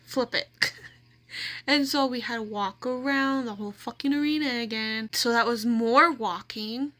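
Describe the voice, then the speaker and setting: A woman's voice: a little high, a little slow, bright, forceful tone. A woman vlogger casually telling a personal story, rambling with lots of "like" fillers and restarts.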